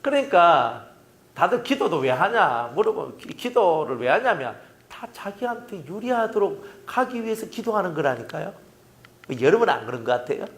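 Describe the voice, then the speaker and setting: A middle-aged pastor with a Gyeongsang accent preaches in a high voice that swings up and down constantly. His folksy, joking delivery keeps throwing rhetorical questions at the congregation. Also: sing-song, moderate pace. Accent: Gyeongsang Korean. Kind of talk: sermon.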